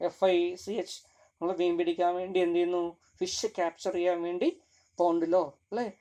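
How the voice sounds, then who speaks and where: A college lecturer explains in a classroom style. The voice is mellow and relaxed, with English terms woven into the explanation. Points are punctuated by frequent checks of "clear?". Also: mid-range voice. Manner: keeps asking "clear?" between points.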